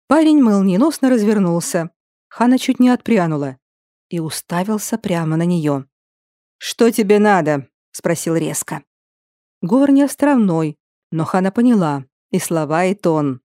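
A woman narrating a story in an expressive, gently wry manner. Her voice has a mellow, warm color. The recording is dry and close, with no room sound. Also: fairly low pitch, moderate pace, dry recording.

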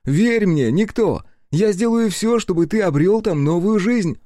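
A man's voice: high voice, expressive, a little slow, warm tone, no echo, voice pushed up. An eager, hopeful traveling official speaks in a raised, earnest voice, as a male audiobook narrator puts him on. The recording is close and dry. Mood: reassuring. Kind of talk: audiobook character voice.

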